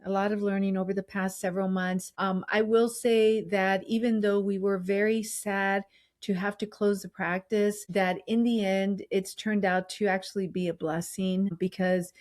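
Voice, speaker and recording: A woman's voice: mid-range voice, a little mellow. Earnest middle-aged woman doctor chatting. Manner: earnest and reflective, with frequent restarts. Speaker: doctor and podcast co-host. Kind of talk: casual podcast chat.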